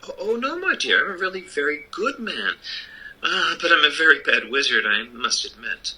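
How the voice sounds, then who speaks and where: A man's voice: fairly high pitch, very animated, normal speed, pushed and bright, breathy edge, full character voice, low-quality recording. A man voicing the Wizard of Oz as a kindly, apologetic old humbug, earnestly explaining himself in a storybook reading. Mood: apologetic, reassuring. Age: older.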